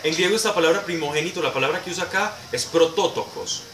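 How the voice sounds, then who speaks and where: Male Bible teacher explaining to a class, somewhat high voice, heard from a distance in an echoey, noisy room. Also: fast talker. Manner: explanatory, answers questions, repeats words for emphasis.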